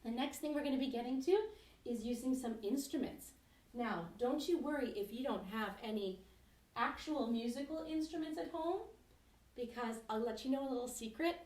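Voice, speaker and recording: A woman music teacher leading a children's lesson at home, speaking gently and encouragingly and singing slow, simple verses. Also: a little high. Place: home, kitchen nearby. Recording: roomy echo from a distance.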